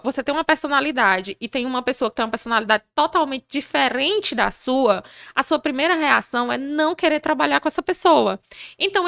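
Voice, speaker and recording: A woman as a podcast guest, talking about leadership in a lively conversational way and acting out the people in her stories. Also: high-pitched, creaky, no echo, clean studio sound. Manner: animated, acts out dialogue in her stories. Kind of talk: conversational interview.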